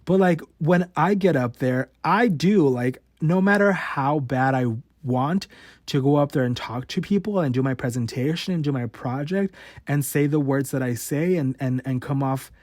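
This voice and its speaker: Speaking at a moderate pace, this man in his twenties hosts a podcast and gives a frank, profanity-laced account of his life. His fairly high voice has a slightly mellow quality, and a stutter shows in repeated words and cut-off sounds. The sound is clean studio audio with a dry character.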